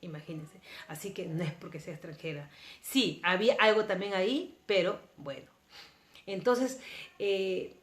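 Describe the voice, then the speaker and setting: Earnest woman in roomy echo. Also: mid-range voice. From Peru. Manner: emotional, earnest, loudness swings between soft and intense. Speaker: vlogger. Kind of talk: personal storytelling to camera. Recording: roomy echoing room.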